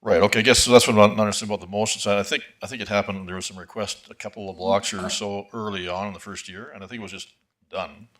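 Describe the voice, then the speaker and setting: Deep-voiced man chairing a meeting. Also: steady tone, fairly bright tone. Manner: measured, checks facts with "correct?". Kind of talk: council meeting discussion. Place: council chamber.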